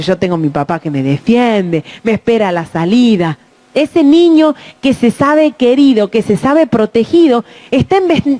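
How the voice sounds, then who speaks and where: Her voice sits on the high side with a darkish tone. Addressing parents on child protection, the middle-aged speaker performs children's and adults' lines in quoted speech and repeatedly checks in with her listeners using "¿mm?".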